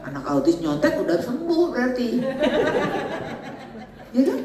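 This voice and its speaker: A middle-aged woman, giving a lively church workshop talk. She is chatty and joking, laughs often and mixes in English phrases. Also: high voice, takes it slowly, crowd noise. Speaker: seminar speaker. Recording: echoey hall, mic at a distance, faint background noise.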